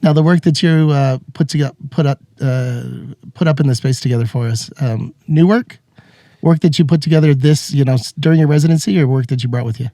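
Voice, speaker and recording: A man's voice: fairly high pitch, brisk, warm tone, no echo, clean studio sound. A man co-hosting a podcast, asking chatty, upbeat questions. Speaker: podcast co-host. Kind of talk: casual chat. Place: podcast studio.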